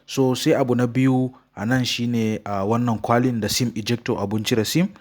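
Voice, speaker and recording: A male tech reviewer with a Nigerian Hausa accent. He presents an unboxing as a channel host, walking viewers through a product. His voice sits at a middle pitch. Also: flat delivery, brisk, darkish tone. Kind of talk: phone unboxing and review narration.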